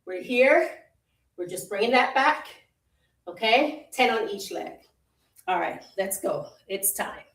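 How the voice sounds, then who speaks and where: Speaking slowly in a mid-range, expressive, slightly bright voice with creaks and long pauses, a Jamaican woman coaches a live virtual workout. This fitness instructor repeats short, encouraging cues and laughs easily, sounding distant in a roomy space.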